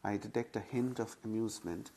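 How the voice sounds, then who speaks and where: A man giving a literary memoir reading, measured and unhurried with careful phrasing. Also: on the low side, gravelly, warm tone. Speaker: audiobook reader.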